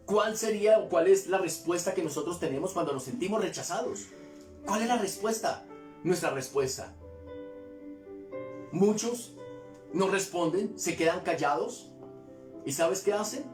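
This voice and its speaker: Emphatic preaching pastor, roomy echo. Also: male voice, on the high side. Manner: rhetorical questions, emphatic repetition. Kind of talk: devotional sermon.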